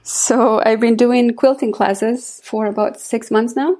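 A woman from Mexico who grew up speaking Spanish, a coach and consultant chatting as a podcast guest, warm and chatty with frequent laughs. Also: a little high, fairly even intonation, measured pace. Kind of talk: casual interview chat.

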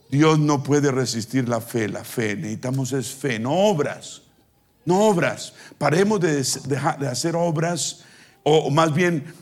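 A male preacher delivering a sermon, leading call-and-response with the congregation and acting out scripture with shouted peaks. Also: on the high side.

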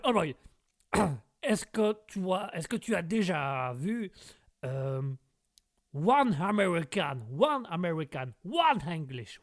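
A man's voice: a little high, sharp tone, breathy edge, full character voice. A man putting on a snooty mock-English gent. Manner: affected mock-English accent peppered with "old boy". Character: posh mock-English gentleman, haughty and scolding. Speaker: co-host.

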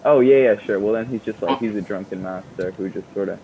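Low-voiced man rambling about his character. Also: a little fast, mellow, a little hiss or hum, rough recording. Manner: rambling, hesitant. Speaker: player. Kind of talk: casual chat.

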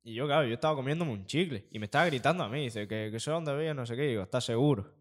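A young man from Spain, a podcast co-host telling animated stories in casual chat, with crude slang. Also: mid-range voice, very fast. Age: young adult. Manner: animated storytelling with acted quotes.

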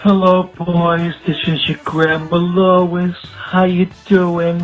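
A sweet old grandmother, as a caller puts her on, greeting slowly in a flat tone. The line sounds dull and muffled. Faint music plays underneath. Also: medium pitch, natural voice.

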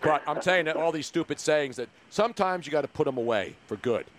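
This middle-aged or older American man from Philadelphia, USA, hosts a casual sports podcast. His voice sits on the high side with lively intonation and a fairly quick pace, and his style is brash, slangy, and full of banter.

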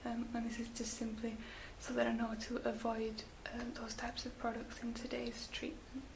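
A woman whispering gently as a spa beauty therapist in an ASMR roleplay, slow and soft with little fillers. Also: on the high side, completely flat delivery. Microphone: close sensitive mic. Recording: hissy close mic.

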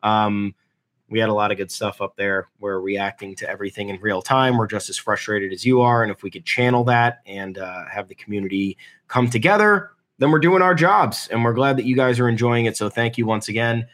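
A man co-hosting a casual sports podcast, thinking aloud in a halting, conversational way. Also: on the low side, a bit bright.

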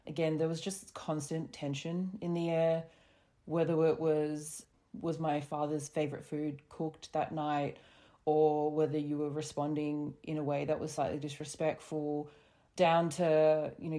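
A woman speaking as a podcast guest through a voice disguise that makes her sound deeper, talking in a reflective, measured way with small restarts over a remote call. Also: level tone, dark tone. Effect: voice altered to sound deeper for anonymity. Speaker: guest sharing lived experience. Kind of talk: candid podcast conversation. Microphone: remote recording over a call.

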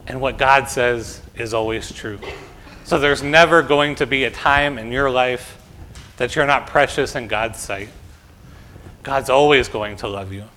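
A man with a bright, clear voice preaches in a church. He speaks gently to the children gathered at the front and asks them questions. He keeps checking in with a soft "right?". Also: mid-range voice, a little slow, a little hiss or hum. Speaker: pastor. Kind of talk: sermon and children's message. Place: church sanctuary.

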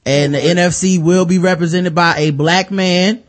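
A man's voice: high voice, fairly even intonation, moderate pace. An American man hosting a podcast, talking in a laid-back way with lots of ums and uhs. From United States. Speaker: podcast host. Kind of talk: casual chat.

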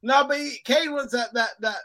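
A man with a London roadman accent and a high, forceful voice hosts a casual football chat. He argues in street slang and doubles back on his phrases. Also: normal speed. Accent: London, urban street slang. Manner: slangy, argumentative, repeats himself. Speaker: football show host.

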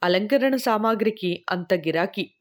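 Storybook male traveler who explains things plainly, read by a woman in her own voice, mid pitch. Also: lively intonation, a little slow, close to an everyday voice. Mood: matter-of-fact. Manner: explanatory, matter-of-fact. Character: chatty man explaining life abroad. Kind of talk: audiobook character reading.

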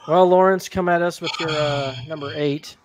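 Blunt, teasing man with a higher voice. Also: steady tone, normal speed. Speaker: podcast co-host. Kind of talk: casual chat.

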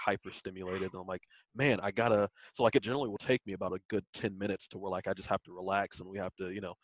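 A man co-hosts a casual podcast chat in a fairly low voice. He talks candidly, meandering through fillers. The sound is dry and close, with no room around it. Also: no room sound, low-quality recording. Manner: candid, rambling, many fillers. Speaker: podcast co-host.

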